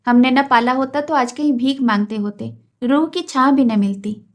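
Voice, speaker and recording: A woman's voice: high voice, normal speed, lightly acted. A woman voicing a fierce, defiant village mother who scolds in a heated storybook reading. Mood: furious.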